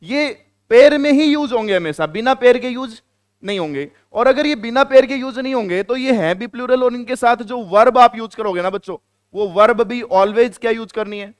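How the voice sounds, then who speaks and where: Playful, high-voiced man teaching grammar. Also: moderate pace, clear, resonant tone, no echo, clean studio sound. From India. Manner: playful, joking asides to students; repeats key words, quizzes the class. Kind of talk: classroom grammar lecture.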